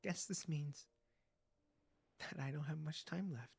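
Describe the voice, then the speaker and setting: An actress playing a fragile, gentle, dying female sea creature in a video game, with a breathy, wavering voice. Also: low-pitched, a little slow, no echo, soft background music, exaggerated voice. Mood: fragile, resigned.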